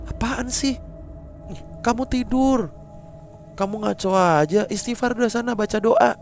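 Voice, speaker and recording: A young husband snaps back in brusque, dismissive lines, his voice pushed high above the man's usual, as the narrator acts him out. Soft music runs under the storytelling. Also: unhurried. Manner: dismissive, sharp.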